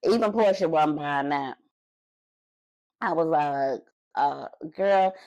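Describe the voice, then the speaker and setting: A woman's voice: low-pitched, animated, slow pace, a little mellow, no echo, lo-fi sound. Blunt, shady woman recapping reality TV. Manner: blunt, shady, acts out quotes. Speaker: podcast co-host. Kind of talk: casual recap chat.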